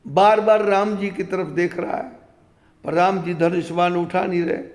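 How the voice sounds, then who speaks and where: Brief: high, unhurried male preacher chanting verses, long reverberant hall. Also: fairly even intonation, a little mellow. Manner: retells scripture, chanting verses slowly. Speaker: spiritual teacher. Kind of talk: devotional storytelling discourse.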